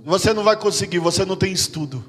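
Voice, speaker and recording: Preacher voicing a scornful, mocking devil. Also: male voice, sits high, fast, voice pushed down, lightly acted. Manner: scornful, belittling taunts. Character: mocking devil, a discouraging male tempter. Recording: long hall reverb with music.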